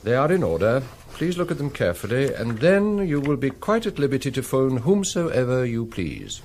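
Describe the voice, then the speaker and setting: Steely, courteous intelligence chief; precise formal diction, expressive intonation, drama, faint noise behind. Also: male voice, mid-range voice, moderate pace. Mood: courteous, coolly menacing. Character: quiet, measured British spymaster interrogator, courteous but steely. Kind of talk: screen drama acting.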